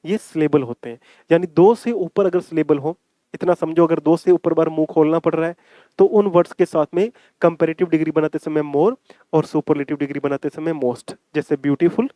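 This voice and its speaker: High-voiced, dark-toned male grammar teacher. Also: no room sound. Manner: coaxing, repeats points, asks 'ठीक है?' often; slow drawn-out English example sentences. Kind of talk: exam-prep grammar lesson in Hindi with English.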